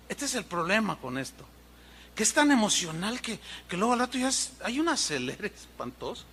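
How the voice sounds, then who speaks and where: A man preaching, telling humorous anecdotes in an animated way and imitating sounds. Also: sits high. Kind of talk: sermon storytelling.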